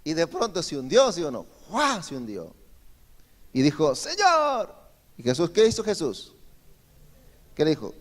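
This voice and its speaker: Pastor preaching in a reverberant hall. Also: male voice, on the high side, very animated, normal speed, pauses often. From Peru. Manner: asks the congregation frequent rhetorical questions. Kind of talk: Sunday sermon. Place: church hall.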